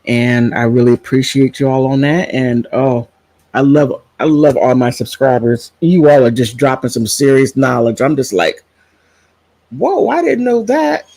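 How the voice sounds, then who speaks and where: A man's voice: mid-range voice, steady tone, moderate pace, a little mellow, no echo, poor audio. A middle-aged man chatting in a casual vlog, sassy and digressive, wandering off topic and back. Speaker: vlogger.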